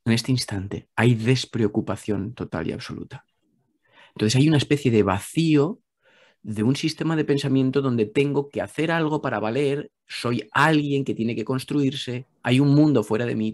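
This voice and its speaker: A man with a Spain Spanish accent, a guest talking calmly about spiritual ideas, repeating phrases and asking rhetorical questions. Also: medium pitch, normal speed. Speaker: guest speaker. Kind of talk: reflective spiritual talk.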